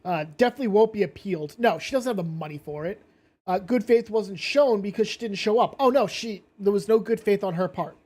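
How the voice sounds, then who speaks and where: A man's voice: sits high, brisk, darkish tone. Man, commentary host, casual stream, rambling, blunt, swearing, drowsy from medication.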